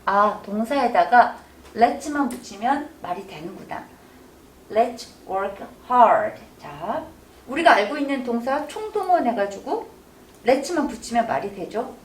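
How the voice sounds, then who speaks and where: A woman teaching English to older students, slowly drawing out and exaggerating example phrases. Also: on the high side, big pitch swings, slight background noise. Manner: drawn-out, exaggerated English drills. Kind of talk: classroom lesson. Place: senior welfare center classroom. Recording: echoey room, distant mic.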